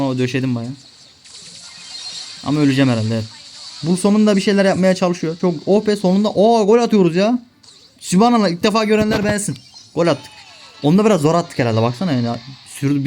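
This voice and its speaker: A man's voice: on the high side, fast, darkish tone, a little hiss or hum. A young man giving live gameplay commentary, ranting and swearing at his teammates in frustration. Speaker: gaming video creator.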